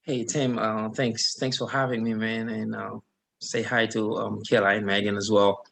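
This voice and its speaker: Guest, man, 30s, from Haiti, low gravelly voice, easygoing rambling talk on a video call. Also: normal speed. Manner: relaxed, rambling with fillers. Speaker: guest, alumnus. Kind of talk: casual webinar chat.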